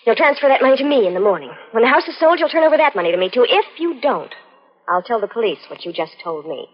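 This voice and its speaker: A scheming young blackmailer in a vintage radio thriller. Her voice is high and husky, swinging widely in pitch with dramatic, calculating delivery. The recording is muffled. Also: very animated, quick pace. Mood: cold, calculating. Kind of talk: 1940s radio suspense acting. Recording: muffled old radio broadcast.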